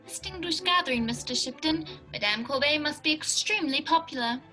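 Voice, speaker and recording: A woman playing a genial, chatty English gentleman doctor, courteous and a little indignant, in a radio play. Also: high voice, a little fast, faint music behind. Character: genial, mildly indignant English doctor, Holmes's male friend. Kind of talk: 1940s radio play acting.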